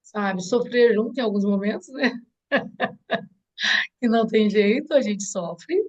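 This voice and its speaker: A middle-aged woman speaks with a Brazilian Portuguese accent and a fairly high voice. She answers an interview as a mother, sincerely and thoughtfully, often starting a sentence over before finishing it. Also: slow, a little mellow, highs cut off. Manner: earnest and reflective, with frequent restarts. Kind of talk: heartfelt conversation.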